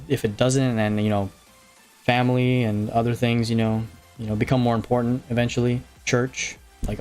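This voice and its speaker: On a game live stream, a man with a mid-range, slightly mellow voice and a slight Hawaiian accent chats casually while answering viewers. He rambles with many fillers and restarts and reads the chat aloud.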